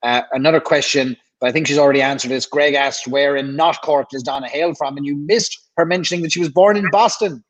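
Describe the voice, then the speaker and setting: A man's voice: fairly high pitch, brisk, hardly any pauses, poor audio. A man hosting a casual livestream, chatting at ease and reading out viewer questions. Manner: relaxed, reads viewer questions aloud. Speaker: livestream host.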